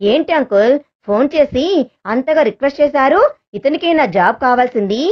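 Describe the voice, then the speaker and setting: A woman's voice: sits high, animated, moderate pace, muffled recording. A woman voicing a young male office boss, polite and frank, slipping in English phrases. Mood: courteous.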